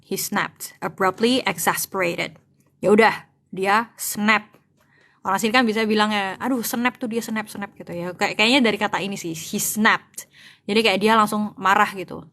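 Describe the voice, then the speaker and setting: An online English-to-Indonesian tutor, a woman with a medium-pitched, sharp-toned voice, reads a novel aloud in English and translates it line by line into Indonesian. She talks casually, thinking aloud and searching for words while mixing both languages freely.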